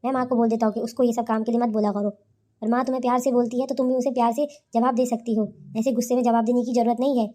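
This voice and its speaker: A calm young husband in a cartoon story, voiced by a woman, talking quickly to smooth things over. His voice is mellow and soft-edged, and he speaks in a reasoning, placating way. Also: on the high side, natural voice. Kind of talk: cartoon voice acting.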